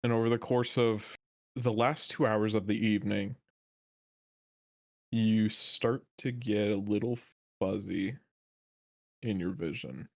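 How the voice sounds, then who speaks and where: Low-voiced man narrating as game master. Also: unhurried, long pauses, no echo. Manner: calm descriptive narration.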